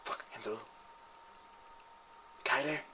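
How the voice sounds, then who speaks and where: A man giving excitable live commentary while playing a shooter game, swearing and trash-talking his opponents. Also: medium pitch, noisy background.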